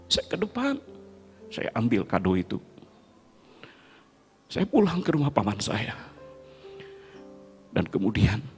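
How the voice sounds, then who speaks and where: A man in his fifties, a motivational speaker, telling a personal story in a heartfelt way, his voice straining upward as the memories deepen. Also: wildly swooping pitch, slow pace, pauses often, a little mellow, soft background music. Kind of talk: emotional personal storytelling speech.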